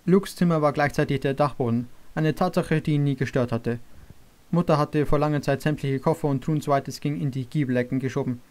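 A man reading a novel aloud as an audiobook narrator, in a steady, even manner. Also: on the high side, fairly quick. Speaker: audiobook reader. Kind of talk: scripted narration.

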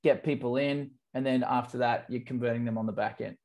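A man's voice: mid-range voice, fairly even intonation, a little fast, darkish tone. A man in his thirties hosting a marketing interview over a video call, talking with enthusiasm and casual slang. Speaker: marketing agency host. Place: office with branded backdrop. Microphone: earphone headset.

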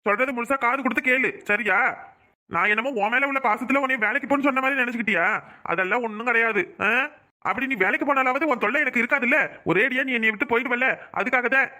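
A man voicing a gruff young village husband in a cartoon, curt and scolding. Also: very high voice, quick pace, pushed and bright, heavily acted. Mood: brusque. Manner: brusque and scolding. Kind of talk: cartoon voice acting.

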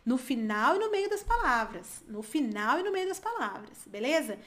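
High-voiced, chatty Brazilian woman teacher. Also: normal speed. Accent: Brazilian Portuguese. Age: 30s. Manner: lively, chatty, addresses viewers directly. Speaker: English teacher. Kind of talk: online pronunciation lesson.

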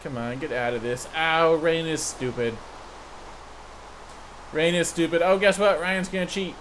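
A man's voice: fairly high pitch, fairly even intonation, measured pace, fairly bright tone, slight background noise. A young man doing sarcastic let's play commentary, joking with the creatures in the game. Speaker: gaming commentator.

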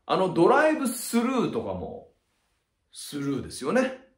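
A middle-aged man teaching vocabulary in a chatty, playful way, acting out little sound effects. His pitch swings widely as he talks. The sound bounces around an echoey room. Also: huge pitch swings, normal speed. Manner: chatty, ends phrases with a tag "ne", acts out sound effects. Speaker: cram school head teacher. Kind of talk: explaining vocabulary to students.

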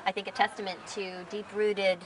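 A woman's voice: medium pitch, little pitch movement, normal speed, distant mic, a little hiss or hum, poor audio. A woman interviewer speaking in an enthusiastic, talkative way. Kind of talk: casual interview. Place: outdoors at a winery.

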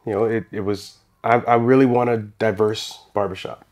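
A man in his thirties, a barbershop owner and guest, telling his story in a relaxed, rambling way with restarts, livelier when he retells scenes, seated in a small podcast studio. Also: fairly low pitch, moderate pace. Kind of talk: casual interview storytelling.

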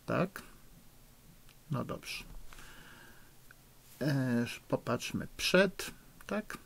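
A middle-aged man teaching children in a recorded lesson, slow, patient and encouraging, spelling out rules. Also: medium pitch, lively intonation, vocal fry, fairly bright tone, a little hiss or hum. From Poland. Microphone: recording for a lesson video.

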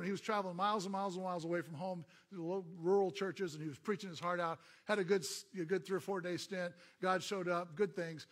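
A middle-aged man who is a pastor, preaching a sermon as an animated story and calling out to the congregation. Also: sits high.

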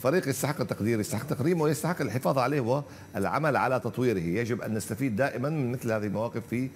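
A man's voice: mid-range voice, very fast, a little mellow. A man in his fifties presenting sports in a TV studio, commenting with hesitations into a lapel microphone.

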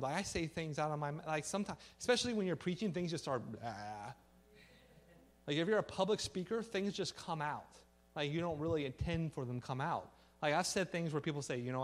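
A pastor giving a conversational sermon, acting out everyday exchanges and ending in prayer. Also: male voice, on the high side. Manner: conversational, acts out little dialogues, fillers like "like"; earnest prayer to close.

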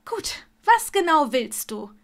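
A woman's voice: high-pitched, very animated, takes it slowly, gravelly, voice pushed up, full character voice. A woman voicing an exasperated young witch in an audiobook, speaking in a snappy, indignant way. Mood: irritated. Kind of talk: audiobook character voice.

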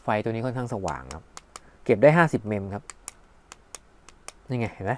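A man's voice: medium pitch, expressive, fairly quick, a little mellow, slight background noise. A man casually demonstrating a thermometer at home, thinking aloud and narrating each button press as he goes. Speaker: product reviewer. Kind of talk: casual hands-on product demo. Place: at home indoors. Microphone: phone camera.

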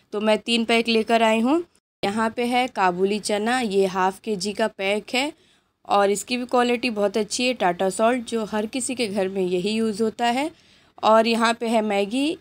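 Woman with a slightly high voice chatting through a grocery haul at home, phone held close. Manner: chatty, unhurried listing of items. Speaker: cooking channel host. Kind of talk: grocery haul show-and-tell. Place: indoors at home, items on a patterned rug.

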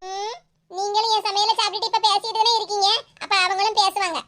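A woman voicing a loud, cheeky young wife in an animated cartoon, speaking with a Kanyakumari Tamil accent in a playful manner. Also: very high voice, quick pace, a little hiss or hum.

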